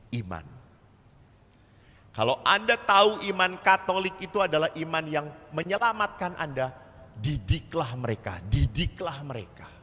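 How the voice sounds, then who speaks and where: Animated priest in a reverberant church. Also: male voice, medium pitch. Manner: animated storyteller who acts out dialogue. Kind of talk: seminar talk in sermon style. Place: large church.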